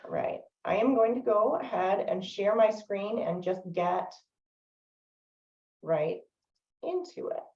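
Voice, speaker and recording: A woman trainer leading a software training webinar, explaining steadily with frequent "um" fillers. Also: medium pitch, expressive, slow pace, pauses often. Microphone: video call microphone. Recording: distant, roomy, dull lo-fi webinar audio.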